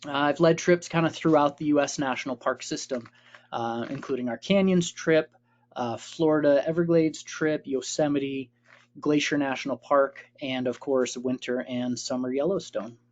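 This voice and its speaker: A man's voice: mid-range voice, moderate pace. Man, late 30s, expedition leader, casual presenter, easygoing, fillers, dull video-call sound. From Vermont. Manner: relaxed, friendly, with many fillers. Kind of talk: informal presentation.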